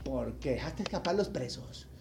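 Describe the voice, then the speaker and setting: A male pastor preaching a sermon, telling a Bible story with animated delivery and asking the congregation questions. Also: mid-range voice, normal speed, vocal fry, noisy background. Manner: acts out the people in the story.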